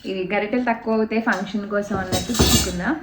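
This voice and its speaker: A woman's voice: mid-range voice, fairly even intonation, fast talker. A woman chatting casually in a home vlog as she shows off a parcel, slipping English fillers into her talk. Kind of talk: casual show-and-tell vlog. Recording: roomy home room with faint background noise.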